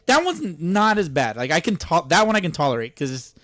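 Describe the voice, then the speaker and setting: Lively swearing podcast man. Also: on the high side, fairly quick, no echo, studio quality. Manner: animated, swearing, laughing often. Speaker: podcast co-host. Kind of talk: casual chat.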